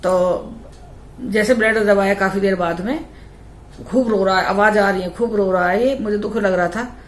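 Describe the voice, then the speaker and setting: A woman's voice: medium pitch, moderate pace, reverberant, slight background noise. A young adult woman vlogger telling a personal story in a chatty, repetitive way. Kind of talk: casual storytelling.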